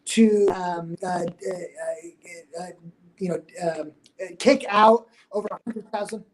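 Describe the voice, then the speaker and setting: A man speaking as a remote guest over a video call whose connection keeps breaking up and stuttering, so his speech comes out halting, full of fillers and dropped words. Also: high voice, low-quality recording. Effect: choppy buffering connection that breaks up and stutters. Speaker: remote guest on election coverage. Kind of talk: live video-call commentary.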